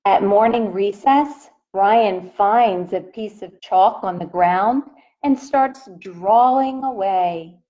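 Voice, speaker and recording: A woman reading a picture book aloud expressively to children in a teacherly way, pausing to put questions to them. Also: medium pitch, muffled recording. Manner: asks young listeners questions.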